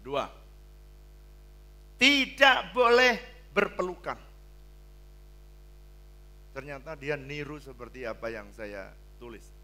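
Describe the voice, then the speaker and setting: An older man preaching a sermon as pastor, blunt and joking, swinging from hushed pleading to loud exclamations. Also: on the high side, lively intonation, takes it slowly, pauses often. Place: church hall.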